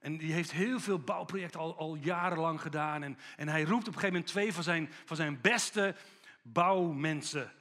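A man preaching a sermon with animated storytelling, acting out the people he quotes. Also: fairly high pitch, normal speed.

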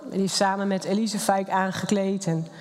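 A woman's voice: mid-range voice, fairly even intonation, normal speed, a little mellow. A middle-aged woman giving a candid, blunt and emotional personal testimony. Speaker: speaker sharing a personal testimony. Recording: long hall reverb.

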